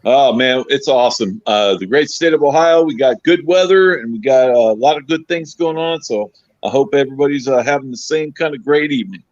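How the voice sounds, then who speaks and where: A man's voice: mid-range voice, brisk, no echo, dull audio. A man in his fifties chatting casually as a caller, friendly and hesitant with many fillers. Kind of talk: casual chat.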